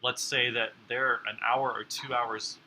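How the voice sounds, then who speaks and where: A man's voice: medium pitch, flat delivery, measured pace, pushed and bright, a little hiss or hum, rough recording. A man co-hosting a home cooking chat show, talking in a chatty, playful, self-deprecating way. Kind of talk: casual chat. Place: home kitchen.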